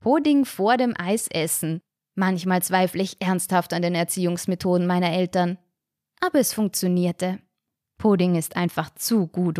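A woman's voice: on the low side, darkish tone, dry recording, studio quality. Woman reading a wry storybook. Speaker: audiobook reader. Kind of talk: first-person storybook narration.

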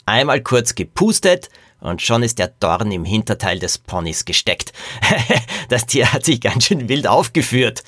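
A man voicing a scheming, gruff male animal trainer in a read-aloud children's mystery, growling low and slow. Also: sing-song, fairly bright tone, dry recording, clean studio sound. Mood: gloating menace.

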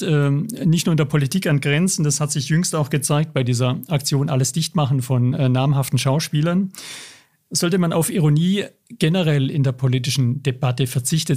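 Male podcast host, slightly high voice, calm measured questions, interview style.

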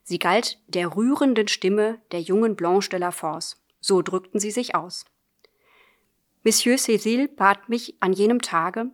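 A woman reading a literary audiobook in the form of a letter, measured and earnest, addressing a friend. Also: mid-range voice. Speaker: audiobook reader.

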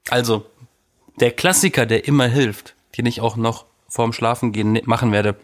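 A man's voice: mid-range voice, moderate pace. A man with a cold and sore throat, chatting casually and telling jokey home-remedy stories. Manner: joking, animated storytelling. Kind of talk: casual chat.

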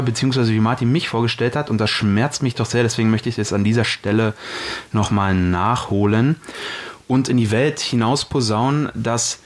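A man co-hosting a podcast in a chatty, joking way. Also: medium pitch. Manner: jokey, chatty, with fillers. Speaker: podcast co-host. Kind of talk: casual chat.

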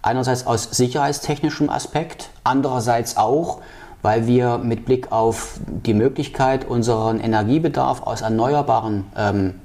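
Halting man in an interview. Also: medium pitch, a little mellow. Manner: halting, many fillers and restarts. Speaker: political candidate. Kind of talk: interview answers.

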